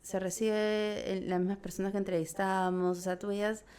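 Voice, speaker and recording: Smooth-voiced Peruvian woman, rambling. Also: medium pitch, flat delivery, normal speed, a little mellow. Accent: Peruvian Spanish. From Peru. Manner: rambling, full of tag questions and restarts. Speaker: documentary filmmaker guest. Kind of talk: casual interview chat.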